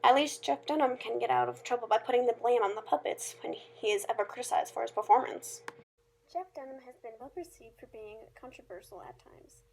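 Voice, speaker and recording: A woman's voice: a little high, a little fast, creaky, darkish tone, slight background noise. A woman reading a scripted review aloud, as a presenter who now and then stumbles over the written words. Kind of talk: scripted narration read aloud.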